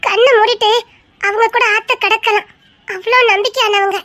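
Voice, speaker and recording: A woman's voice: very high-pitched, fairly even intonation, moderate pace, dry recording. A woman playing a tearful village girl with a Tirunelveli accent. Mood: tender. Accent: Tirunelveli Tamil. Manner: soft, tearful, giggling through tears. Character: shy young village woman in love, tender and tearful. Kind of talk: acted romantic drama.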